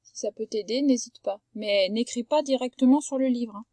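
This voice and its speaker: A woman teaching a young child to read from home, patient and careful. She draws out each word slowly so every sound comes through. Her voice sits fairly high and the sound is dry and close. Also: dark tone, no room sound. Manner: patient, slow and clear, stretching out words to sound them. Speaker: primary school teacher. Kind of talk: remote reading lesson for a young child.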